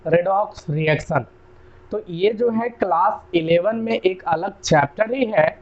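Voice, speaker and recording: High-voiced Indian man teaching chemistry. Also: lo-fi sound. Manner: chatty, repeats key terms, asks "clear?". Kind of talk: casual classroom lecture.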